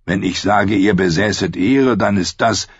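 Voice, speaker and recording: Man reading as a cynical, mocking knight, deep and husky, dry sound. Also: a little slow, no echo. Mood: sardonic. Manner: dry, sardonic. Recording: dry, slightly dull studio audio.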